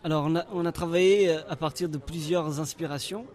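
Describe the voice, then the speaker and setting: A man from Portugal, a circus performer answering interview questions in a halting way, often searching for words. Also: on the high side, steady tone, a little mellow.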